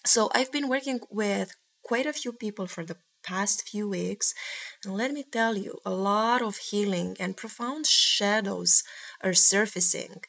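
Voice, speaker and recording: Gravelly-voiced woman giving spiritual guidance. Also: mid-range voice, a bit bright. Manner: earnest, searching for words with frequent pauses. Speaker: spiritual teacher. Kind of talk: spiritual monologue to camera.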